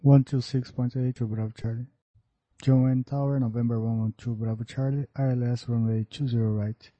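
Speaking as a pilot over a cockpit headset radio, this man gives short, procedural readbacks in the style of aviation radio calls. His voice is medium-pitched and mellow, with a steady tone and a fairly quick pace. The recording is dry, yet muffled and lo-fi like radio audio.

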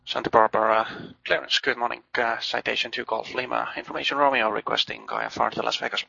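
A man makes pilot radio calls with a frying, forceful voice. His delivery is flat, courteous and procedural. The transmission is dull and band-limited. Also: mid-range voice, fast talker, gravelly, husky, no echo. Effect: aviation radio transmission. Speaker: business jet pilot. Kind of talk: radio requests and readbacks.

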